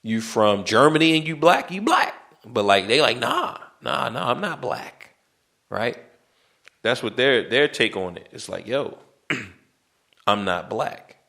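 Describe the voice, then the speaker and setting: A man's voice: mid-range voice, sing-song, slow pace, creaky, bright, forceful tone. A man hosting a podcast, talking casually in a rambling way with lots of fillers, slang and restarts. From United States. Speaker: podcast host. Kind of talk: casual monologue.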